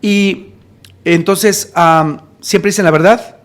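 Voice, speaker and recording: Man, Mexican accent, high-pitched, animated storyteller guest, plays out every character. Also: slow pace. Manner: animated, acts out the people in his stories. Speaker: evangelist, podcast guest. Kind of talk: conversational storytelling.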